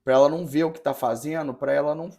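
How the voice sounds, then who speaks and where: A man who is a parish priest, telling a story in a podcast conversation with an earnest, halting manner and many restarts. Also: on the high side, fairly even intonation, gravelly, darkish tone.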